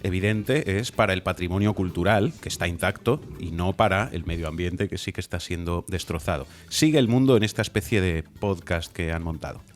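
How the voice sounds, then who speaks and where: A man with a very low voice, arguing his points critically as a regular on a political talk show. He lays out his case steadily and with an edge. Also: brisk, hardly any pauses. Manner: critical, argumentative. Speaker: regular commentator.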